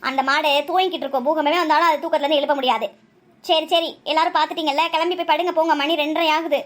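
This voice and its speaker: A high-pitched, fast-talking cartoon mother with a Tamil Nadu lilt, voiced by a woman. She scolds sharply one moment and fusses tenderly over her grown sons the next, always quick and brisk. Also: fairly even intonation, a bit bright. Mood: scolding. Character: strict, loving middle-aged village mother. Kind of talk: cartoon voice acting.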